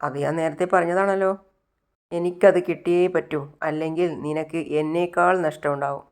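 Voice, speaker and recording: A man's voice: fairly high pitch, fairly even intonation, moderate pace, clean tone, lightly acted. A woman voicing a desperate man demanding money from his accomplice.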